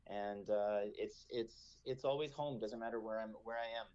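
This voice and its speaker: A Canadian musician in his thirties, interviewed as a radio guest, speaks thoughtfully with lots of fillers and restarts. His voice is lowish, smooth, and darkish at a moderate pace, heard through dull lo-fi radio audio.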